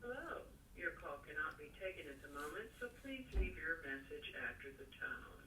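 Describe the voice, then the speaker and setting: A formal recorded voicemail greeting, played back over a phone line as a flat, repeated message. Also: medium pitch, moderate pace. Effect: recorded answering-machine greeting heard over a phone line. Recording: distant, echoey, noisy phone playback.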